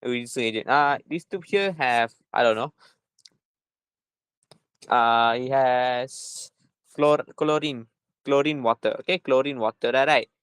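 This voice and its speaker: Male tutor, Malaysian accent, mid-pitched voice, informal lesson style, repetitive phrasing with frequent tag questions, dry sound. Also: measured pace, long pauses, a bit bright, smooth, no echo. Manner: repetitive, punctuating with "right?" and "lah". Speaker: chemistry tutor.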